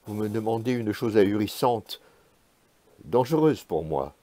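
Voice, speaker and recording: A man's voice: on the low side, animated, a little slow, dark tone, no room sound. A man reading the lines of a guarded, terse village official in his own voice. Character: wary, reserved rural village official, man.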